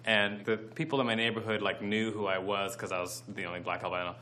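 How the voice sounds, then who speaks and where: A man's voice: lowish voice, flat delivery, fast, sharp tone, slight background noise. A man telling a comic personal story in a conversational way, full of "like" fillers. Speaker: storyteller comedian.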